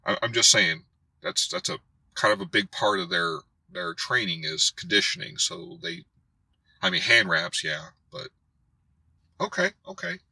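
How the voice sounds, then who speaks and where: Man, karate host, bright and raspy, fairly low voice, animated storyteller. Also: a little slow, no echo, poor audio. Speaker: karate instructor and channel host. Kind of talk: storytelling rant to camera.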